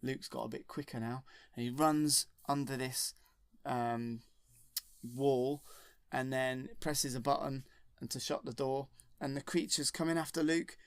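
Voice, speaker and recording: A man, deadpan and rambling as he retells a film in plain, childlike words. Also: medium pitch, unhurried, no room sound. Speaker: comedic storyteller.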